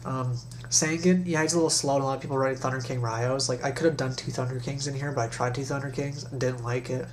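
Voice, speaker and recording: A man's voice: medium pitch, steady tone, quick pace, hardly any pauses. A young man with a stuffy, nasal voice from recent nose surgery, chatting casually and in slang as he hosts a deck review. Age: young adult. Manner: slangy, informal. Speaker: card game video host. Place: small bedroom, indoors. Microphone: webcam or laptop mic at desk distance. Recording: noisy webcam recording with hum.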